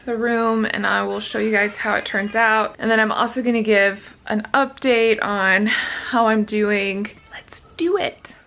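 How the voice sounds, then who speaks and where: A woman's voice: medium pitch, flat delivery, unhurried, gravelly. A pregnant woman, chatting casually on a home vlog and a little short of breath. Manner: chatty, upbeat, often laughs. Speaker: vlogger. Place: bedroom at home.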